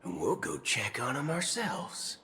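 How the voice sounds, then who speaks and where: A man's voice: medium pitch, sing-song, unhurried, sharp tone, slight background noise, full character voice. A man playing an impatient, brash cyborg gunslinger in a video game, challenging staff like an entitled customer. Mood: impatient, demanding.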